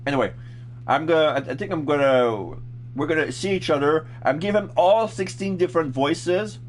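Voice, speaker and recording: Slightly high-voiced man, hesitant game commentary. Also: animated, moderate pace, slight background noise. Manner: hesitant, groping for words. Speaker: game streamer. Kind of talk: casual recap and commentary on a video game.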